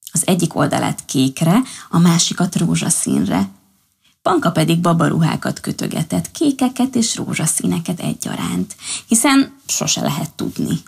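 A woman reading a children's story aloud in a calm, even manner. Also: fairly low pitch, vocal fry, husky.

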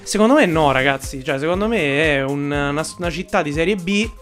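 An Italian man with a fairly high voice banters as a comedy podcast host. His delivery is emphatic, in a casual comic style, with faint music behind him. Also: fairly quick, fairly bright tone. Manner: emphatic, gesturing broadly as he talks.

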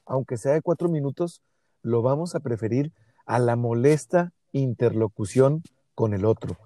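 A man's voice: mid-range voice, moderate pace, dark tone, slight background noise. A man with a Mexican accent co-hosting a casual podcast chat, reflective and fond of rhetorical questions. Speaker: podcast co-host.

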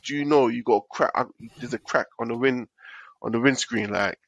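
A podcast co-host with a mid-range, creaky, slightly bright voice talks a little fast, sounding a bit nasal from a cold. Recorded dry and dull, he rambles through a story in a casual chat, repeating himself along the way.

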